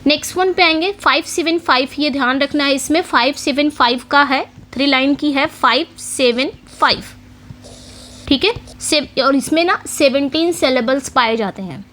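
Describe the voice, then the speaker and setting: Woman teacher with a high voice, exam-prep lecture, quiz-style questions and repetition. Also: a bit bright. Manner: explains in Hindi mixing English terms, repeats key points with quiz questions; reads English question text slowly. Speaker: English literature teacher.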